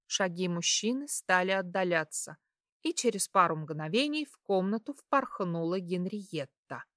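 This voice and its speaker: Expressive woman narrating an audiobook. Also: fairly low pitch, no echo, studio quality. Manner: expressive, measured storytelling. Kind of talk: first-person scripted narration.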